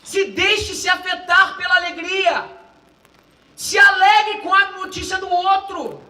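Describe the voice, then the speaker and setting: A man pastor preaching a sermon in a cinema hall, swinging between shouted lines and quiet asides. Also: very high voice, fairly even intonation, slow, recorded from a distance. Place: cinema auditorium used for a church service.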